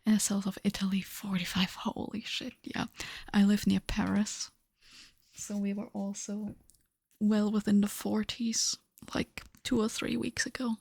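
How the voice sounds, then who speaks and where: Sleepy, breathy young woman murmuring softly. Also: medium pitch, level tone, a little slow, dry recording. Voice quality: soft, breathy, often whispered. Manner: sleepy, just woken up. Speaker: livestream host. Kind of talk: casual chat in a soft ASMR whisper.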